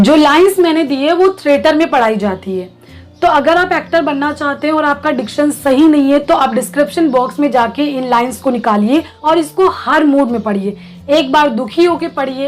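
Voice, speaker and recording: A woman casting director giving clear, patient tips to aspiring actors in an instructional vlog. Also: high voice.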